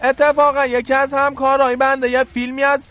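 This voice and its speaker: A man's voice: very high voice, level tone, a bit bright. A man playing a pompous, touchy middle-aged military colonel in a radio comedy sketch, talking with stiff, formal bluster. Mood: self-important. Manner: stiff formal bluster, quick to take offence.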